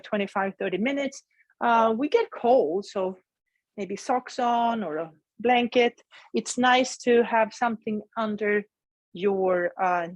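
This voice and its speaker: A woman teaching yoga and meditation, guiding listeners in a calm, soothing, unhurried way with pauses. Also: medium pitch, no room sound, rough recording. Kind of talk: guided relaxation meditation. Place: indoor room in an old house, dry close sound.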